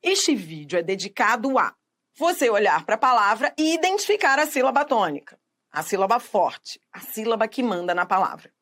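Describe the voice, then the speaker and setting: A woman teaching grammar in a video lesson, speaking straight to the viewer, asking and answering her own questions, and drawing out example words slowly. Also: a little high, fairly bright tone.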